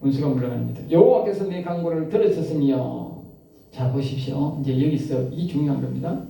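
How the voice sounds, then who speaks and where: A man pastor giving an emphatic sermon-style lecture, repeating his phrases and prodding listeners with quick questions, his pitch and loudness swinging dramatically. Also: vocal fry, far from the mic. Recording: roomy echo, voice off-mic.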